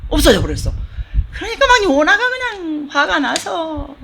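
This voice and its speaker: A woman pastor preaching a sermon in a church, telling the story in an animated, colloquial way with sound effects. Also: extremely high pitch, moderate pace, vocal fry, slight background noise.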